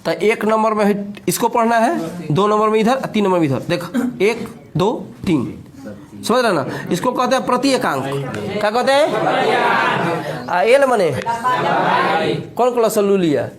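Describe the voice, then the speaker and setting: A man's voice: high-pitched, animated, moderate pace, crowd noise. A man teaching a physics class, explaining step by step and teasing his students with joking dialect asides.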